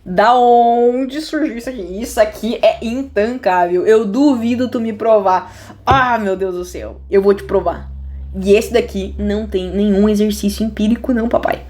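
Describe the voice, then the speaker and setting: Brief: Brazilian woman math teacher, slangy and joking, mellow warm tone, lots of quick restarts and asides. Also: mid-range voice. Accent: Brazilian Portuguese. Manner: slangy, joking, talks straight to viewers; restless, many restarts and asides. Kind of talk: casual video math lesson. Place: at a desk indoors.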